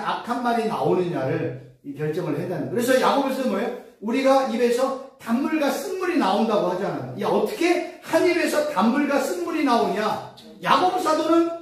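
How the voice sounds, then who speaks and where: A woman professor teaching theology to a class, lively, repeating key phrases and answering her own questions. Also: a little high. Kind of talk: lecture to a class. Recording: distant mic in echoey room.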